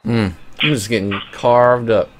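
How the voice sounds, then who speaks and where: A man's voice: mid-range voice, fairly even intonation, unhurried, heavy background noise. A man co-hosting a live game stream, talking through his match and poking fun at his own play. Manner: self-deprecating, talks while playing. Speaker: co-host playing a video game match. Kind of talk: casual live-stream chat.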